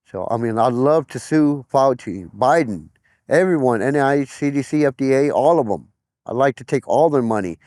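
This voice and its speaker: A man's voice: mid-range voice, animated, moderate pace, darkish tone, no echo. Plain-spoken middle-aged man, dry close sound. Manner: plain-spoken, retells conversations as quoted dialogue. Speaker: interviewee. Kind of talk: personal testimony in an interview.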